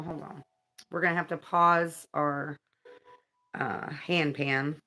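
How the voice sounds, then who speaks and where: Slow, low-voiced woman reading angel cards. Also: fairly bright tone. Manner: slow, thoughtful, second-guessing herself. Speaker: spiritual card reader. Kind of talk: casual card reading and reading aloud.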